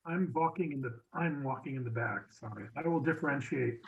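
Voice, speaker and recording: A man's voice: mid-range voice, fairly quick, lo-fi sound. A man playing in a tabletop game, talking casually with wry asides. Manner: wry, self-aware asides. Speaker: player.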